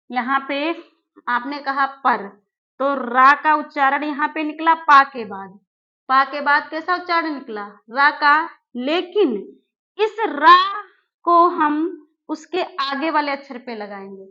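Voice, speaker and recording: A woman teaching an exam-prep spelling lesson, who asks her class questions and then answers them herself, repeating each word slowly. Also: high-pitched, lively intonation, pushed and bright, dull audio. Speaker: Hindi teacher.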